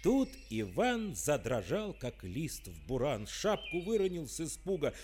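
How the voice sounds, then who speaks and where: A man's voice: fairly high pitch, measured pace, a little hiss or hum. Man reading a fairy tale in verse. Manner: expressive, rhythmic reading. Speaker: narrator. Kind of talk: storybook verse narration.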